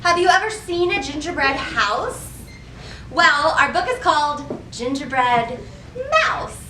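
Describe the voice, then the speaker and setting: This woman's voice sits high and sounds bright and forceful, and she's unhurried. Hosting storytime for children at the library, she reads picture books and gives instructions in a sing-song, questioning way; a distant mic picks her up in a roomy room with faint background noise.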